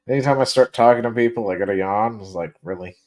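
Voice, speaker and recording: A man's voice: mid-range voice, quick pace, darkish tone. A tired man hosting a casual gaming news livestream, joking, laughing often and restarting his sentences. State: tired, yawning. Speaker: podcast host.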